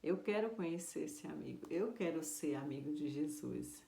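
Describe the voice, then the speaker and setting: A man's voice: a little high, expressive, moderate pace, creaky, mellow. A woman voicing a frightened young boy who speaks timidly and pleadingly, recorded in a roomy space. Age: child. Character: frightened young village boy, sad and longing. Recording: roomy echo.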